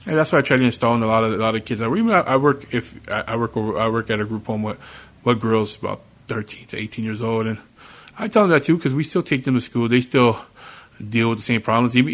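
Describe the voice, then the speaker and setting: A man's voice: mid-range voice, fairly bright tone. A man in casual podcast chat, a youth coach and counselor speaking bluntly, repeating himself and calling people man and dude. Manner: blunt, repetitive, says man and dude often.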